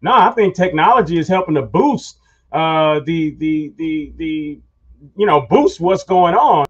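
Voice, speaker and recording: A man hosting a talk show rambles through stories in casual conversation, calling his listeners y'all. He speaks at a measured pace with lively intonation and a voice on the high side, recorded in dull lo-fi sound.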